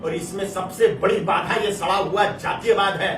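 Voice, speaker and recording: A man's voice: sits high, fairly even intonation, moderate pace, fairly bright tone, echoey room, distant mic, slight background noise. A man giving an impassioned religious discourse, speaking emphatically and hammering points home through long repeated lists. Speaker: religious preacher.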